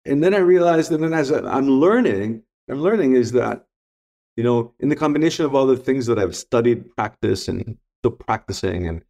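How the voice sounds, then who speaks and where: Telling stories on a podcast, a middle-aged man with Greek as his first language reflects in an earnest, emphatic manner and keeps repeating what matters. He has a medium-pitched, dark voice with lively intonation, delivered at a normal speed.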